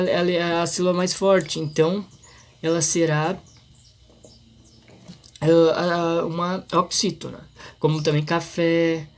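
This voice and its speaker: A man explaining a grammar lesson in an informal, halting way, full of restarts and fillers. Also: fairly high pitch. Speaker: teacher.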